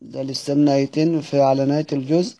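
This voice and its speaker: A man with an Egyptian accent teaching Quran recitation, chanting verses slowly and adding brisk spoken asides. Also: mid-range voice, little pitch movement, vocal fry, warm tone. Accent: Egyptian Arabic.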